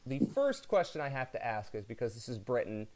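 A man's voice: mid-range voice, huge pitch swings, fairly quick, a little mellow, rough recording. A man with a North American accent, interviewing as a podcast host in a chatty, effusive way.

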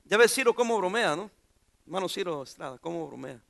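A man's voice: high-pitched, lively intonation, fairly quick, vocal fry, a bit bright. A pastor preaching an informal sermon in a church, joking and putting questions to his congregation.

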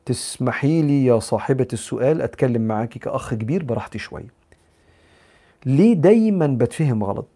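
A man's voice: medium pitch, dark tone, slightly rough. A man with an Egyptian accent giving a live religious talk, answering questions in a conversational way, mixing in English psychology terms and acting out examples.

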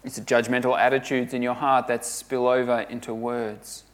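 Earnest man preaching with hushed emphasis. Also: mid-range voice, flat delivery, moderate pace. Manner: earnest, emphatic preaching with dramatic drops to a hush. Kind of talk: sermon.

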